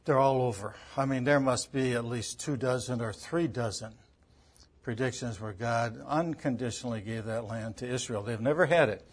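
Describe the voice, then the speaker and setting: A Bible teacher and preacher delivers an emphatic lecture on biblical interpretation, hammering points home through repetition and rhetorical questions. His voice is medium-pitched and slightly rough at a normal speed.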